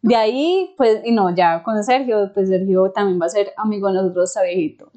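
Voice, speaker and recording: A woman in her thirties with a Colombian paisa accent, a podcast guest telling stories in slangy, animated casual chat. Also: medium pitch, fairly quick. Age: 30s.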